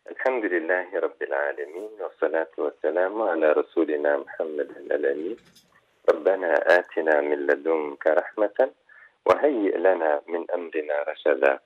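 A man, a religious scholar calling into a radio show, speaking calmly and reciting Arabic phrases while his voice echoes back on the phone line. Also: extremely low pitch, normal speed. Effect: echo on the phone line. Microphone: telephone. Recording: tinny phone line with echo.

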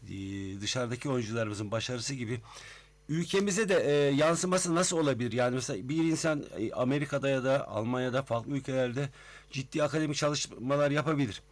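A man's voice: mid-range voice, fairly quick, no echo. A man co-hosting a radio interview, asking long winding questions politely. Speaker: radio co-host.

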